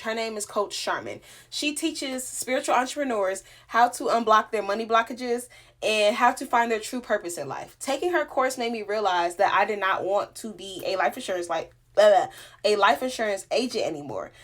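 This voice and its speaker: A woman speaks in a fairly high voice, sharing her journey as a motivational vlogger. Her delivery is emphatic, animated and full of casual slang. She records on a phone inside a small closet. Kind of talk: candid motivational storytelling to camera.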